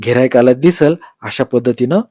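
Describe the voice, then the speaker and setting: A man telling a story aloud, with measured, expressive narration in a rural dialect. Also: mid-range voice, no echo, studio quality.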